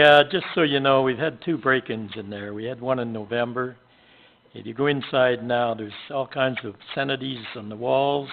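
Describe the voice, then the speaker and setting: A gravelly-voiced Canadian man speaks up as a town councillor, plain-spoken and halting, filling pauses with "uh". The sound is thin and tinny, like a phone line. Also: mid-range voice. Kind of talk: council meeting discussion.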